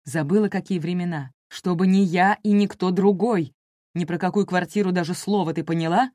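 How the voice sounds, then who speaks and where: A woman's voice: fairly low pitch, a little fast, dry recording, clean studio sound, close to an everyday voice. A woman voicing a furious father barking orders. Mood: angry barking. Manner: barking, harsh shouting. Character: frightened, furious middle-aged father.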